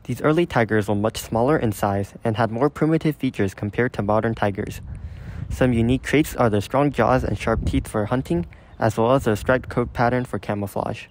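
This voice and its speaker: A man's voice: medium pitch, moderate pace, a little mellow, slight background noise. A man reading scripted, factual nature documentary narration.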